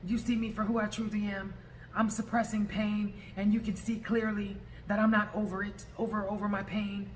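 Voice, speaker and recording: An assertive vlogger speaks plainly and emphatically in a mid-pitched voice, as if addressing someone directly. The talk is casual and salted with profanity, over a faint layer of background noise. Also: poor audio. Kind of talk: personal vlog monologue addressed to a former friend.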